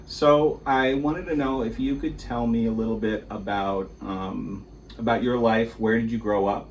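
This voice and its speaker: A man hosting an interview podcast, asking friendly, halting questions. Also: medium pitch, steady tone, recorded from a distance, slight background noise. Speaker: podcast host.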